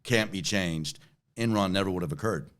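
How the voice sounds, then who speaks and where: Speaking at a moderate pace, the man's deep voice sounds a bit bright. He's a chief executive in his forties being interviewed, answering in a chatty way with repeated words and regular "right?" check-ins.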